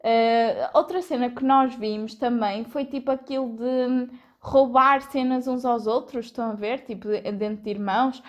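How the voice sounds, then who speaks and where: A young woman with a European Portuguese accent chats casually in a slightly high voice. She hosts in a teasing, slangy way, bantering with her younger brother. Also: steady tone, normal speed. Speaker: host.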